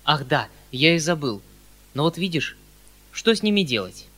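A man voicing a kindly, flustered older landowner who talks in a fussy, hurried, excitable way. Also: a little high. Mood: flustered eager.

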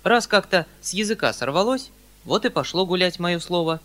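A man voicing a kindly, flustered older landowner who talks in a fussy, hurried, excitable way. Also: high-pitched, pitched above the performer's own voice. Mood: flustered eager.

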